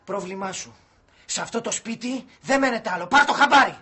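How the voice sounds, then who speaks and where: An actor playing a fed-up young man who scolds and throws out his flatmate in a sitcom. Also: high voice, slightly rough. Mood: furious. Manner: scolding, explosive shouts. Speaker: angry flatmate. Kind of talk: sitcom acting.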